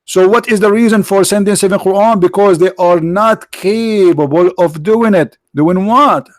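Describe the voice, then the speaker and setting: A man hosts a combative religious debate in English. His voice sits high, and he presses insistently, repeating phrases to drive them home. The sound is dry and close. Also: moderate pace, dry recording. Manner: non-native, ungrammatical English. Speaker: debate host.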